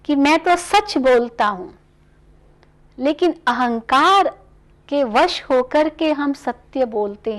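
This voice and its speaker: A woman giving a spiritual talk on values, gentle, measured and instructive. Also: sits high. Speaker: spiritual speaker.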